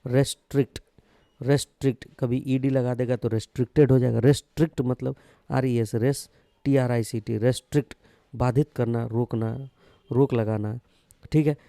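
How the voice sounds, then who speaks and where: Gravelly, dark-voiced male teacher spelling words. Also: mid-range voice, fairly even intonation, moderate pace, dry recording, studio quality. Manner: spells words letter by letter and repeats meanings. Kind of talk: vocabulary lesson.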